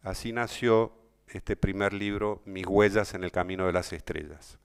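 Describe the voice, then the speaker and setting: This speaker at a talk is a man with an Argentine Spanish accent whose low-pitched voice sounds creaky, clear and resonant, with a steady tone at a moderate pace. Emotional yet conversational, he shares a personal story, repeats words often and keeps addressing the listeners directly.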